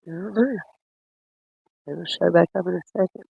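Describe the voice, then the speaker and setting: A man chatting casually while reviewing footage, rambling and quick to laugh. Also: sits high, creaky, breathy edge, no echo, phone-quality sound. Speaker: cryptid-hunting streamer.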